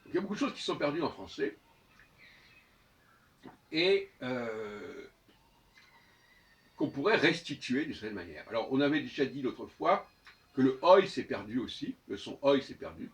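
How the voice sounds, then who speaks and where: A man giving an unscripted spoken lecture, hesitant, often restarting phrases and slowly spelling letters out. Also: medium pitch, very animated, distant mic. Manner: hesitant, restarts phrases, frequent "euh" and "hein". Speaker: speaker of his own channel.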